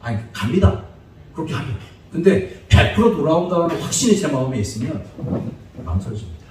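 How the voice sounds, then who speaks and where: A man's voice: a little high, big pitch swings, fairly quick, a little hiss or hum. A male preacher giving a humorous, chatty sermon lecture that breaks into frequent laughter. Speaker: evangelist preacher. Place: church sanctuary. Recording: echoey church hall, distant mic.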